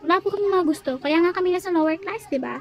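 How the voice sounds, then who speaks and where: A woman's voice: very high voice, fast talker. A woman voicing a rude, defiant young schoolgirl in a toy role-play, talking back to her teacher. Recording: crowd noise behind.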